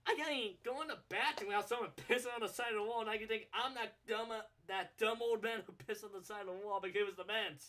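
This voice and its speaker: A man's voice: sits high, quick pace, few pauses, bright, forceful tone, a little hiss or hum. A man co-hosting a podcast, rambling through a casual story with swearing and laughs between lines. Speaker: podcast co-host.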